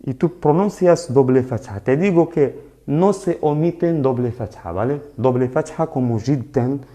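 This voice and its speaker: A man teaching a live online lesson in Spanish, explaining slowly and patiently and often checking that his students follow. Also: medium pitch, warm tone. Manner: slow, patient explaining with frequent "¿vale?" checks. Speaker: Arabic teacher.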